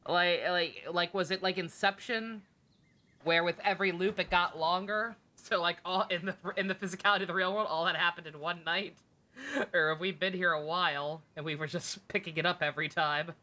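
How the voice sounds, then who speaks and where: A woman with a fairly low, sharp voice talks briskly with fairly even intonation. She's livestreaming a game from an indoor setup with game music behind her, chatting casually with viewers in a sweary, wry, sarcastic way.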